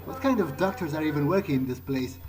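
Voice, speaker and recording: A non-native English-speaking gamer, playing in character, voices a vampire who mutters hesitantly and curiously to himself while sneaking around. His voice is a little high and sing-song, he talks fast, and music plays in the background.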